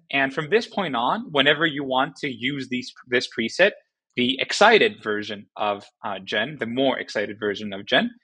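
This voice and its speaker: A man casually explaining software features in a tutorial, relaxed, with frequent fillers and restarts. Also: mid-range voice, rough recording. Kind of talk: casual screen-recording walkthrough.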